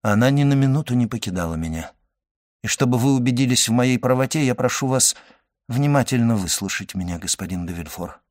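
A man reading aloud as a solemn, grim middle-aged physician who speaks in a measured, hushed way. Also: medium pitch, expressive, lightly acted. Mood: grave. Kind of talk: audiobook reading.

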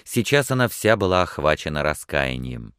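Male audiobook narrator, very low and smooth, dry close sound, steady reading. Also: moderate pace, no echo.

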